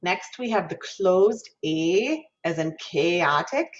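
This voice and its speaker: Her pitch is fairly low, yet her intonation is lively as she speaks slowly. She's a Minnesota music professor guest-lecturing a diction lesson over video call, explaining and vocalizing vowel sounds, and the audio is dull and lo-fi.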